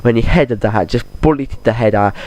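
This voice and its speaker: A man's voice: mid-range voice, a little fast, darkish tone. A man with a cold, chatting casually and rambling over game footage, often restarting his sentences as he talks about football. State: has a cold. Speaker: gaming channel host.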